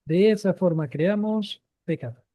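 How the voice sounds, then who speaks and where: A man's voice: sits high, a little slow, dark tone. A man teaching a live Biblical Hebrew grammar class, explaining patiently and repeating each key point.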